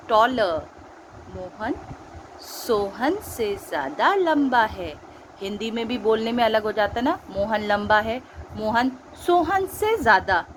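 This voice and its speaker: A woman's voice: fairly high pitch, a little hiss or hum, poor audio. A woman teacher with an Indian accent patiently explaining grammar, mixing Hindi and English and quizzing her pupils with questions. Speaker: school teacher. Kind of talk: recorded online grammar lesson.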